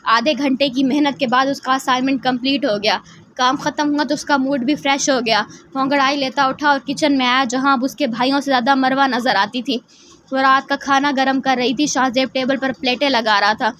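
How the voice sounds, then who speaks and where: A woman narrating an audio novel in a steady, plain reading style. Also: high voice. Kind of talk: scripted narration.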